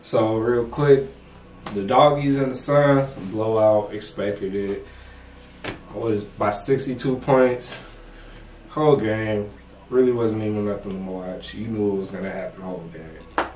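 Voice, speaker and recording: A man's voice: lowish voice, steady tone, a little slow, a little mellow, slight background noise. Young guy chatting about last night's games, chill and slangy, echoey room, mic kinda far off. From United States. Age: young adult. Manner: laid-back, slangy, drops "bro" and "man". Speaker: co-host. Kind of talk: casual sports recap chat. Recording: roomy echo, mic at a distance.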